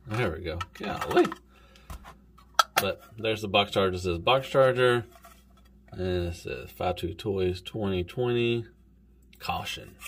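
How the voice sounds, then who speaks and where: A man's voice: low voice, unhurried, a bit bright, a little hiss or hum. Easygoing Southern man reviewing toys. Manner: easygoing, rambling, says "golly" and "y'all". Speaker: toy reviewer. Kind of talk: casual toy review.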